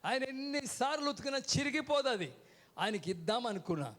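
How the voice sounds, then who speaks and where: Brisk and a bit bright, the very high-pitched voice belongs to a guest preacher on a church stage. His sermon is call-and-response: he shouts "hello" to the crowd again and again and gets them to say words back.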